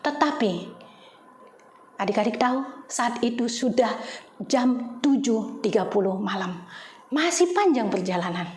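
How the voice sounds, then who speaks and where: A woman's voice: fairly high pitch, moderate pace, slight background noise. A woman, a Sunday school teacher telling children a dramatic testimony, crying out her prayers. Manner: animated, dramatic storytelling with cried-out prayers. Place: home, online class. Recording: roomy echo.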